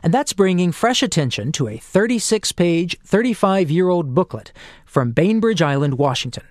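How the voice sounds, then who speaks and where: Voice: medium pitch, very animated, normal speed, no room sound, studio quality. A radio host reading a scripted introduction, then asking conversational questions. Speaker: radio interviewer. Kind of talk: public radio interview.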